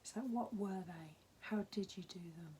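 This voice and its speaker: A hoarse woman with a husky, half-whispered voice, gently giving encouraging advice in a casual vlog. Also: medium pitch, normal speed, a little hiss or hum, rough recording. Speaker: mentor.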